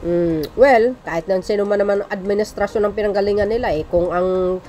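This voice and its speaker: A woman's voice: mid-range voice, fairly quick, dark tone, soft background music. Chatty teasing woman vlogger. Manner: chatty, teasing, reads names aloud with frequent exclamations. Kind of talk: casual political commentary vlog.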